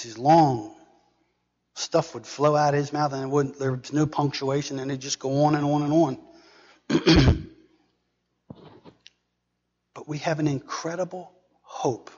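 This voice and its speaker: Male pastor, husky, earnest sermon delivery, dull recording from a hall. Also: on the high side. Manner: earnest, reading scripture aloud with pauses. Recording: dull recording with long reverb.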